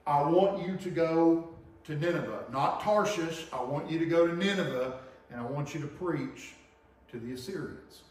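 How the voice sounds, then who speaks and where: A man's voice: on the high side, normal speed, darkish tone, distant mic. Preacher man in a very echoey church. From Tennessee, US. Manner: conversational teaching, frequent "okay?" and "right?" checks. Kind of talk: sermon. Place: church sanctuary with projector screen. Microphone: room mic from far camera.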